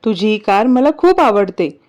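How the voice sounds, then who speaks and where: A woman's voice: mid-range voice, very animated, moderate pace, darkish tone, lightly acted. A woman voicing a bold, sassy young woman who makes demands.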